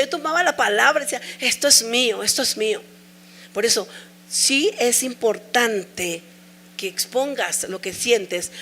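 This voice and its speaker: A woman's voice: a little high, fairly bright tone. A middle-aged woman preaching a sermon, sharing an emotional personal testimony with earnest, repeated pleas.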